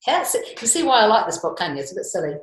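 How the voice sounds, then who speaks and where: A Kiwi schoolteacher rattles rapidly through a picture-book storytime in a mid-range voice, playful and animated, regularly questioning the children and chuckling. The echoey, home-style room recording carries a little hiss or hum.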